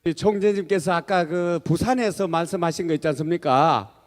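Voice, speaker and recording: A man's voice: fairly high pitch, brisk. A man acts as master of ceremonies, making formal announcements and instructions to an assembly. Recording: echoey hall PA with long reverb.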